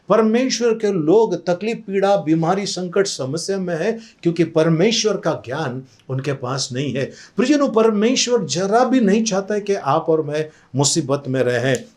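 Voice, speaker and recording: A male pastor preaching a fervent sermon at a church service, echoing each scripture phrase after it is read and dropping English words and praise exclamations into his talk. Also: a little high.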